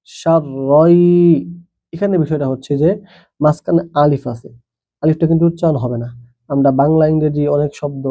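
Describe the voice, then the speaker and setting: A man with a slightly high, dark, somewhat rough voice teaches Quran reading, spelling out each letter and vowel mark before blending the syllables. Between drills he adds plain explanatory asides, and the audio sounds dull.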